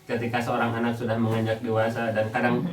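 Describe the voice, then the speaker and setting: A man's voice: mid-range voice, quick pace, soft background music. A young man with a Sundanese-accented Indonesian voice preaching on family life, telling humorous personal stories to a congregation. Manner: animated, humorous personal storytelling. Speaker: Islamic preacher. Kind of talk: family religious talk to a congregation. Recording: echoey hall, distant mic, background noise.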